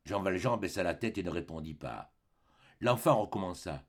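A man reading a classic novel aloud as an audiobook narrator, with an expressive, dramatic delivery. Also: low voice, moderate pace. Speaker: audiobook reader. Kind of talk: scripted narration.

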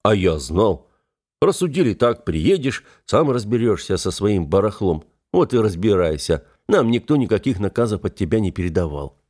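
Кастинг: ворчливый пожилой кузнец, его читает мужчина, низкий мягкий голос. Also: male voice, fairly low pitch, sing-song, moderate pace, a little mellow. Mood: matter-of-fact. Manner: gruff, grumbling. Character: gruff older village blacksmith, stern but honest. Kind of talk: audiobook character voice.

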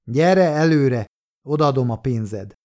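A man's voice: medium pitch, close to an everyday voice. A man playing a sly, cool shop owner. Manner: calm, mocking, self-assured. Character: sly male shop owner, secretly a police detective, cool and challenging.

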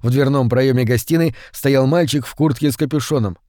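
A man narrating a horror audiobook in a steady, measured reading voice on a close mic. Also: mid-range voice, no echo.

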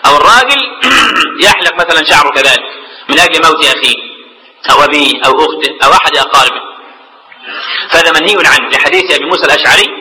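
A man's voice: fairly high pitch, lively intonation, fast talker, long pauses, bright, forceful tone, big-room sound, rough recording. A man with an Egyptian accent giving a religious lecture as a sheikh. He explains points in colloquial asides and repeats words as he searches for the next phrase. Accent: Egyptian Arabic. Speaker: sheikh teaching jurisprudence.

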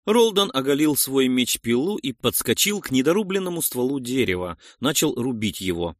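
A man reading an action audiobook in the first person with expressive narration. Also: mid-range voice, moderate pace, no room sound, studio quality.

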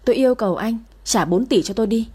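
A woman's voice: on the high side, fast talker, a little mellow, breathy edge. A woman voicing a defiant young woman who turns to sobbing for her father. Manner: pleading, sobbing.

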